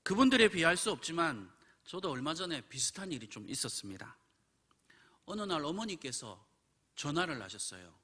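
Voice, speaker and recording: A man's voice: on the high side, normal speed, breathy edge. A male pastor preaching a midweek sermon, telling a personal story and acting out the voices of the people in it. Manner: animated storytelling, acts out quoted voices. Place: church.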